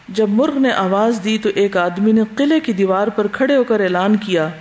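High-voiced man teaching history. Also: darkish tone, low-quality recording. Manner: asks rhetorical questions and explains as he reads. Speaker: religious teacher. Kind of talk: lecture on early Islamic history.

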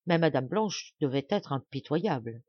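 A woman narrating an audiobook in a measured, dramatic reading voice. Her pitch sits mid-range. The recording is dry and slightly muffled, with no room sound. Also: animated, breathy edge, dry recording. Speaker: audiobook reader. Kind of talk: scripted narration.

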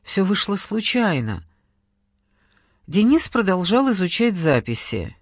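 Man narrating a dark audiobook story. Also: sits high, very animated, a little slow, no room sound, clean studio sound. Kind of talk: scripted narration.

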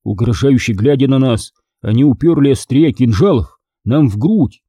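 A man's voice: mid-range voice, lively intonation, normal speed, warm tone, husky, dry recording, clean studio sound. A man narrating an audiobook with dramatic storytelling. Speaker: audiobook reader.

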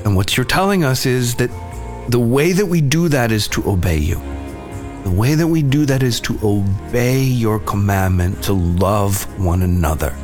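Earnest man praying over soft music. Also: lowish voice, expressive, moderate pace. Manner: earnest, gentle and heartfelt. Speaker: podcast host. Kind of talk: devotional reflection and prayer.

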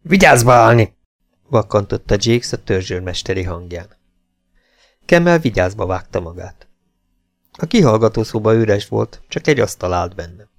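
Gravelly-voiced male audiobook narrator. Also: lowish voice, lively intonation, no room sound.

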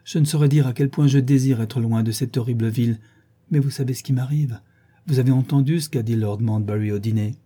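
A man's voice: medium pitch, brisk, warm tone, husky, close to an everyday voice. A man reading the lines of a frightened, tender young Englishwoman in an audiobook, pleading and trembling. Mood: earnest.

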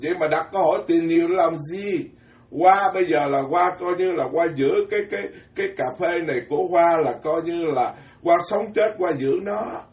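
Animated folksy monk, echoey and distant. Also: male voice, fairly high pitch, normal speed. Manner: folksy, animated, joking, with many repeated words. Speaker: Buddhist monk. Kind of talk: Dharma talk. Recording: echoey hall from far off.

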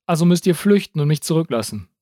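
A man voicing a tough, sharp-tongued woman politician who speaks curtly and bluntly. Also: a little high, lively intonation, fast, no room sound, clean studio sound, pitched above the performer's own voice. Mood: commanding. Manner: curt, blunt and exasperated.

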